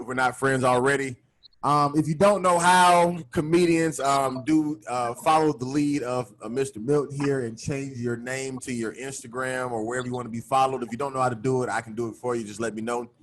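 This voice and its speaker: A man's voice: mid-range voice, slight background noise. Laid-back man hosting a video call podcast. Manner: laid-back, slangy, lots of fillers. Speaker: podcast host. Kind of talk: casual chat.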